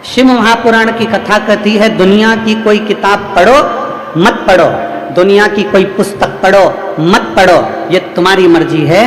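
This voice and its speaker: A man's voice: high-pitched, steady tone, moderate pace. A man preaching a devotional sermon to a large gathering, with repetitive, rhythmic, emphatic phrasing. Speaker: preacher telling a religious discourse. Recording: echoey hall with long reverb.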